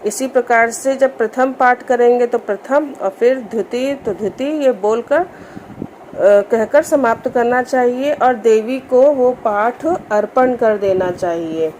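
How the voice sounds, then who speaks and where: एक महिला शांत और समझाने वाले अंदाज़ में धार्मिक पाठ के नियम बताती है और बीच-बीच में संस्कृत श्लोक धीरे-धीरे पढ़ती है।. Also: female voice, on the high side, slight background noise. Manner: calm, explanatory, recites Sanskrit verses slowly. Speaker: religious instructor. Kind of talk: explaining scripture recitation rules.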